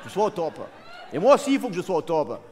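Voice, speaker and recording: A man playing a cocky, high-voiced cheating husband. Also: quick pace, some chatter behind. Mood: boastful. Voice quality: cocky, excitable, talks over an unheard partner. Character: brash boastful cheating husband, adult man. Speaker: comedian. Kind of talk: live stand-up character monologue.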